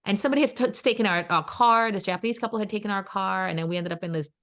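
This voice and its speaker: A woman co-hosting a podcast, telling a personal story in casual chat and acting out what others said. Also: racing. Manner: animated, acts out quoted dialogue in pitched-up voices; chatty and emphatic, addresses listeners as "guys". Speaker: podcast co-host.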